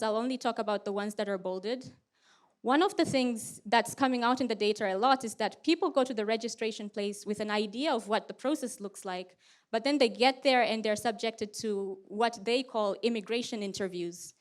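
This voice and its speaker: A research presenter, a woman with a voice on the high side, delivers a prepared lightning talk at a conference. She explains things in a clear, structured way and poses rhetorical questions.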